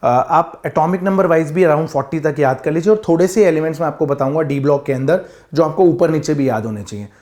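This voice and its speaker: A man teaching chemistry to students in a classroom, talking to them directly in a lively lecture. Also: a little high, a little fast, hardly any pauses. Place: classroom with board.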